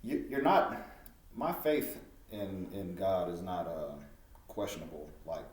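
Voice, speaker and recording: A man speaks earnestly in a heartfelt talk, reflective and given to soft laughs. His voice sits on the lower side. The room is echoey and he sounds some way from the mic. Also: sing-song, a little slow. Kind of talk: casual heartfelt conversation. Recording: roomy sound from a distant mic.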